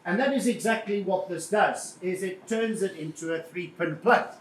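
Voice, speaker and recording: A man's voice: high voice, moderate pace, a little hiss or hum. A man giving a live car presentation to an audience, jovial and chatty, calling them folks and joking with the crowd. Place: showroom or event space. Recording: echoey room, voice heard from far off, faint ambience.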